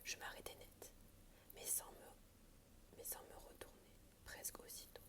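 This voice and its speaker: Whispering woman reading aloud, ASMR. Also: normal speed. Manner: soft library whisper, unvoiced. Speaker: ASMR reader.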